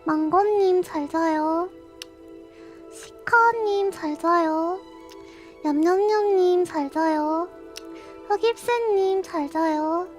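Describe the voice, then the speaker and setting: Young female live streamer, very high cute anime-style voice, unhurried casual chat. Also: soft background music.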